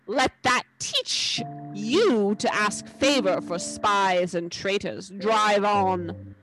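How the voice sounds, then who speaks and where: A woman voicing a cruel, imperious witch queen in a storybook reading, slow and menacing. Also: medium pitch, animated, a bit bright, faint music behind, poor audio. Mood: cold.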